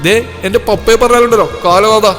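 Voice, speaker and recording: A feisty young village woman with a shrill, squealing voice, put on by a male storyteller, full of taunts and stubborn bickering. Her voice jumps far above the teller's own, loud and sharp, with a long reverb and soft music behind it in this storybook reading. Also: fairly quick.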